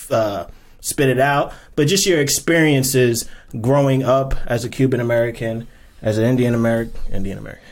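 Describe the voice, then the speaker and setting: Earnest man hosting a casual podcast. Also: medium pitch. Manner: earnest, searching for words, repeats himself. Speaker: podcast host.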